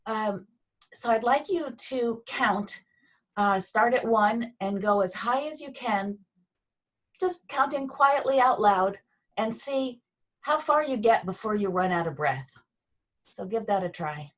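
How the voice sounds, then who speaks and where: A woman with a fairly high voice leads a movement class over a video call. She speaks in a gentle, unhurried way with pauses. She sits a little back from her mic. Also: expressive, recorded from a distance. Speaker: Feldenkrais teacher.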